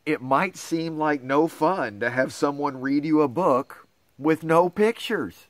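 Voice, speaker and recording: A middle-aged man, a pastor, slowly reads a picture book to a group of schoolchildren in a fairly high voice. He acts out exaggerated shock and dismay, and the recording is dry.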